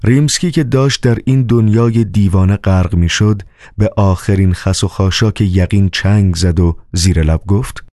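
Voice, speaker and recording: Deep-voiced man narrating an audiobook. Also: dry recording, clean studio sound. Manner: calm, measured storytelling. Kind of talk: scripted narration.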